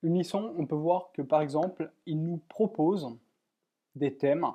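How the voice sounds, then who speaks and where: Man calmly explaining a software demo. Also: fairly high pitch, measured pace, dull audio. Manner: plain, methodical explaining with frequent "voilà" and fillers. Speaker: software tutorial presenter. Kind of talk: screen-recorded software tutorial.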